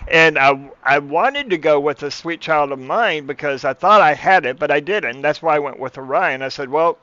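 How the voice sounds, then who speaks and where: A man's voice: on the high side, moderate pace, pushed and bright, no echo, lo-fi sound. A man co-hosting a casual tasting chat, enthusiastic and often repeating words as he starts a sentence. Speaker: podcast co-host.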